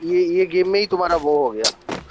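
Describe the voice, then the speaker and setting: A man with a slightly high voice, chatting as a teammate in a casual gaming voice chat. He complains freely and sometimes drags his words out, while game gunfire sounds clearly in the background. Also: expressive, normal speed, noisy background. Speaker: squad teammate.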